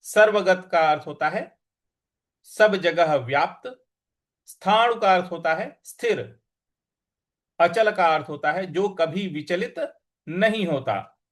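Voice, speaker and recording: High-voiced man slowly chanting scripture. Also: lively intonation, a bit bright. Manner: slow drawn-out chanting of verses, brisk explanations in between; patient, instructive. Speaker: scripture teacher. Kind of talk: Sanskrit recitation lesson.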